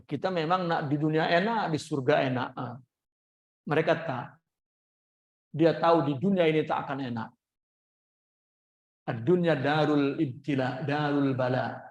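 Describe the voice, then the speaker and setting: A man teaching a religious class, telling a story and acting out the voices of its people. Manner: lively storyteller acting out quoted voices with big pitch jumps. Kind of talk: sermon storytelling.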